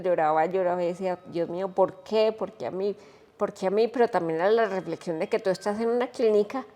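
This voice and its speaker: A woman, a podcast guest telling a personal story in an animated, emotional way. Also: fairly low pitch, big-room sound.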